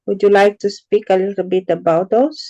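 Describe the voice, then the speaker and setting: A woman with a mellow, warm tone asks her guest curious questions in a casual interview. She speaks in a measured way and pauses often between phrases. Her voice sounds dry and close, with little room sound. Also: medium pitch, steady tone, no echo, highs cut off.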